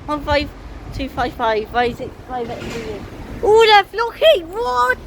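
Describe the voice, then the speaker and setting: A woman vlogging outdoors on her phone, excitedly reading out bus fleet numbers and number plates in a casual chatty way. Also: high-pitched, unhurried. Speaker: transport enthusiast vlogger. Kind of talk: casual spotting commentary. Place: outdoors by streets and bus stops. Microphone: handheld phone. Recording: noisy outdoor phone recording. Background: traffic and street noise.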